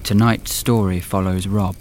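A man playing an ominous campfire storyteller, narrating a horror podcast in a hushed, suspenseful, deliberate way. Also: sits low, flat delivery, slight background noise. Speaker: storyteller host. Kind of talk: scripted horror podcast introduction.

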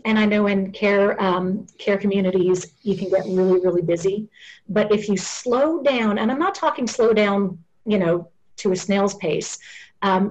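A woman talks earnestly in an interview, explaining patiently and step by step. Her voice sits at an ordinary middle pitch. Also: poor audio.

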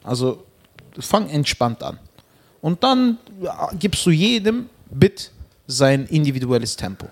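A man's voice: a little high, big pitch swings, measured pace. Man giving earnest advice in chat. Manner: earnest, advising, with frequent fillers. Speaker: comedian. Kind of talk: casual chat.

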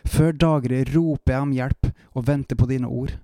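A man reading psalm verses aloud in a calm, measured way, stopping now and then for short devotional reflections. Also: mid-range voice, dry recording, clean studio sound. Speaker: Bible reader and preacher. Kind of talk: Bible reading with devotional commentary.

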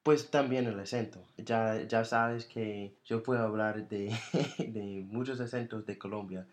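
A man's voice: fairly low pitch, steady tone, unhurried. A man whose first language is English, hosting a casual interview in Spanish, often repeating words and restarting as he searches for them. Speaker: host.

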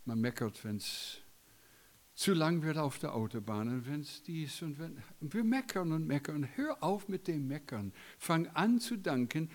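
A man preaching a sermon in an emphatic way, his voice swinging from loud high peaks down to quiet low endings.

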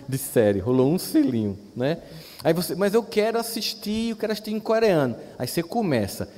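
A middle-aged man from Brazil giving a lively, joking lecture and putting questions straight to his audience. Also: mid-range voice. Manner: animated, jokey, talks straight to the audience with questions. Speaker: speaker giving a spiritual self-help lecture. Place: large hall. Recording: live lecture in a reverberant hall.

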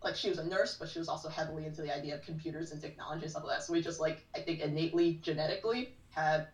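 A woman's voice: low voice, steady tone, racing. A woman in her forties, a podcast guest, chatting casually and telling stories with a lot of "like". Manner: chatty storyteller, frequent "like". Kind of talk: casual chat. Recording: roomy, distant from mic.

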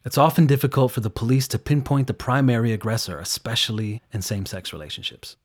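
A man's voice: mid-range voice, fast talker, no room sound, studio quality. A man working as a victim advocate, earnestly recounting a case in detail during an interview. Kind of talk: interview storytelling.

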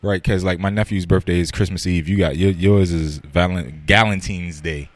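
A man's voice: low voice, steady tone, normal speed. A man co-hosting a podcast, talking in a playful, hyped-up, joking way. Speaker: podcast co-host. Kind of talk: casual chat.

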